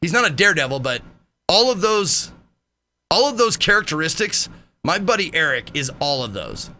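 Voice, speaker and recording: A man streaming live, chatting casually in a loud, animated way and swearing freely. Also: fairly high pitch, normal speed.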